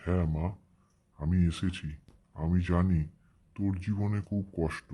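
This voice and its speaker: A man voicing a kindly, fatherly Santa figure in a cartoon story, speaking in a gentle, reassuring manner. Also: sits low, steady tone, a little slow, breathy edge. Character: kindly, fatherly male Santa Claus comforting a child.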